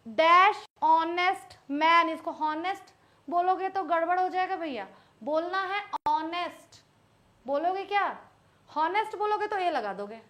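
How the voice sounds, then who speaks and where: A woman teaching English grammar in a live online class, speaking Hindi with English mixed in. She is patient and repeats words slowly so they stick. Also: high voice, bright, forceful tone.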